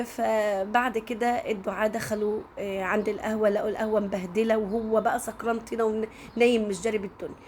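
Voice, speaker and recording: Egyptian woman rattling off a story super fast, kinda high voice, chatty, keeps talking right to the listeners. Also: darkish tone, slight background noise. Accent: Egyptian Arabic. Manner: chatty, addresses listeners directly with fillers. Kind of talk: casual spoken storytelling.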